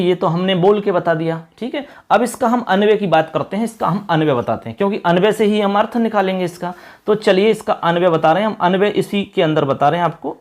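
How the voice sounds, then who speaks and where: A man teaching a Sanskrit lesson in a casual, friendly way, repeating himself often and slowing down to spell out each word. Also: high-pitched. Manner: friendly and repetitive, slows to spell out words. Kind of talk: casual Hindi video lesson.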